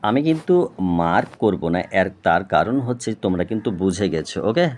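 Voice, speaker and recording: Low-voiced patient male tutor. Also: big pitch swings, a little mellow. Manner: slow, patient, repeats "okay?" to check understanding; spells words out and breaks them into parts. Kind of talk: board lesson explaining English syllables.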